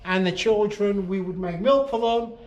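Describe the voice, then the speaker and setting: Man, farmer, high-pitched voice, casual explaining, roomy echo with faint noise. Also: normal speed, a little mellow. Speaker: farmer, farm owner. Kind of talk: casual explanation while showing a farm. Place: farm sheds and yard. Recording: echoey farm sheds, faint noise.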